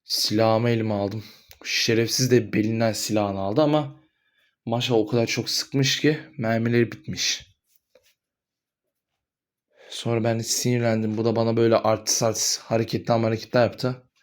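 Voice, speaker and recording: A man's voice: fairly low pitch, flat delivery, moderate pace, close to an everyday voice. Caner: a man voicing a defiant hot-headed young killer. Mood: flat recounting. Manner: defiant, shouting back in rage. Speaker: voice actor in amateur animated drama. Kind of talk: animated drama voice acting.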